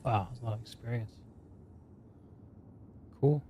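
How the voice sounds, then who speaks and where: A man comments casually on the game he is playing. His voice is mellow and unhurried, with faint noise behind it. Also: medium pitch. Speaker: gamer commenting on play.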